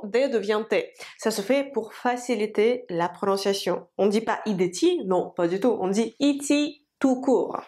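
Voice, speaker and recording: Slow-spoken woman teaching pronunciation. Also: a little high, darkish tone. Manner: slow, deliberate pronunciation drills, repeating words. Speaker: Russian teacher. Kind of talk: language lesson.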